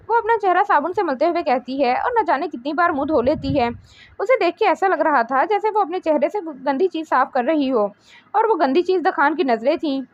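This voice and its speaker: A woman narrating a romance novel aloud in a steady storytelling manner. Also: high-pitched, no room sound. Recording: dull lo-fi recording.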